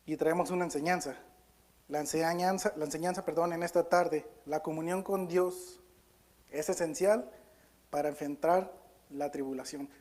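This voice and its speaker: A man's voice: fairly high pitch, fairly even intonation, a little mellow. A man preaching as pastor. He speaks earnestly, often stops to correct himself, and reads scripture aloud, stressing key words. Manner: earnest, halting delivery with self-corrections. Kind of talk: Spanish-language sermon with Bible reading.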